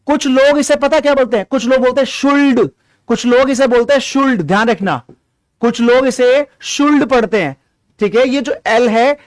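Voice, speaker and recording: Energetic Indian man teaching English. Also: extremely high pitch, no room sound. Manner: energetic, repeats phrases, drills students. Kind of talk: online spoken-English lesson.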